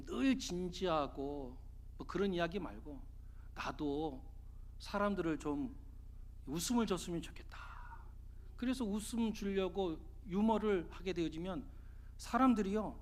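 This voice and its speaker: A male pastor preaching a sermon, telling a story in an animated, playful way. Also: high-pitched, a little slow.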